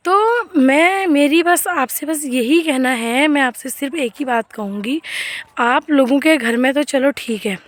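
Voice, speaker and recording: A woman's voice: high voice, measured pace, no echo. Earnest woman vlogging while walking outdoors. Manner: earnest, complaining, repeats herself, addresses friends often. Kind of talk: casual vlog talk to viewers. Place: walking along an outdoor street.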